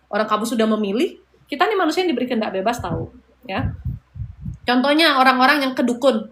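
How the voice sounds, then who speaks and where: A woman with a Balinese accent talks like a live-stream host giving spiritual advice, her voice sitting a little high. She keeps a chatty, casual tone and slips playful asides in between her points on prayer. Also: animated, fast, fairly bright tone, a little hiss or hum. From Bali, Indonesia.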